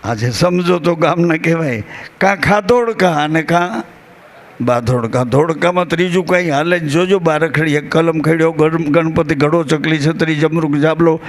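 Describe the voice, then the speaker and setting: A man's voice: a little high, normal speed. A man with a rural Gujarati accent giving a devotional discourse to a live gathering, telling stories in a folksy way and quoting verses and dialogue. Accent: Gujarati, rural Saurashtra. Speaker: bhajan singer and spiritual speaker.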